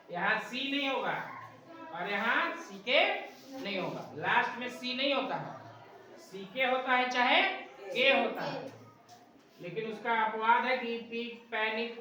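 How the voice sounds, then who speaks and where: A woman teaching an English class, quizzing her students with repeated questions and tag checks. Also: on the high side. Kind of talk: classroom lesson. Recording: echoey room recorded from far off.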